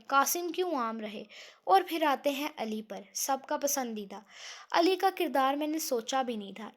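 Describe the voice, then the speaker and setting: High-voiced woman chatting about her novel. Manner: rambling and chatty, often correcting herself mid-sentence; sleepy and tired. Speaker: novel writer. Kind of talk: casual chat about her own serialized novel.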